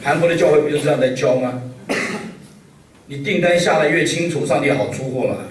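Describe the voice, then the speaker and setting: Joking pastor preaching in an echoey hall. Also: male voice, on the high side, fairly quick, far from the mic, slight background noise. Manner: lively, joking, full of rhetorical questions. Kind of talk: sermon.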